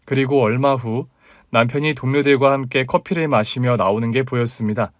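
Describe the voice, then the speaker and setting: A man's voice: mid-range voice, no echo. Man reading a dramatic story, dry sound. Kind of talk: scripted first-person story narration.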